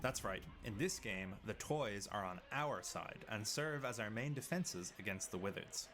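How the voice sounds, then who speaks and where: Low-voiced man narrating a video essay. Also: animated, normal speed, a bit bright. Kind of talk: scripted explanatory narration.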